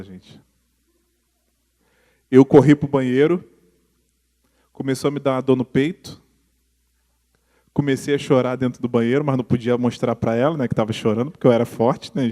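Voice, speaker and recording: A middle-aged man with a Brazilian Portuguese accent, preaching a sermon to a congregation. He is animated, and his voice jumps up in pitch when he stresses a point or asks the audience a question. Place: large church hall. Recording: long hall reverb.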